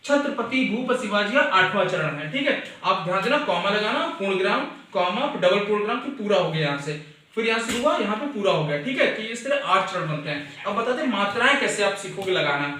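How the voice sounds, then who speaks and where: A man's voice: high-pitched, expressive, bright, forceful tone. Male tutor walking students through a lesson, repeats points, recorded from a distance. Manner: mixes English and Hindi, repeats points slowly. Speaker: teacher. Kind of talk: explaining a Hindi exam chapter. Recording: echoey room, mic far off.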